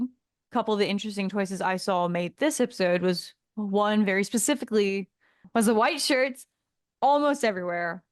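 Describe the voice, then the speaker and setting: A woman co-hosting a chatty podcast, laughing easily between her thoughts. Her voice sits at a middle pitch. It is recorded close and dry, with almost no room sound. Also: no room sound. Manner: giggly, laughs often while talking. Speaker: podcast co-host. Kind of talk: casual chat.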